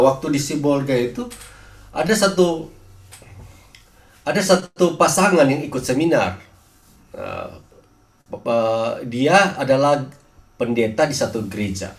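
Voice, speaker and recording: A man's voice: a little high, roomy sound, distant mic. A man preaching a sermon, telling healing stories with frequent restarts and hesitations. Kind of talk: sermon with personal healing testimony.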